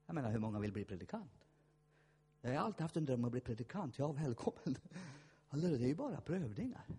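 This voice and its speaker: In a long-reverb hall recording, a man with a husky, dark, mid-range voice swings widely in pitch as he preaches. His sermon is fervent and lively with shouted peaks, built on stories where he acts out each voice.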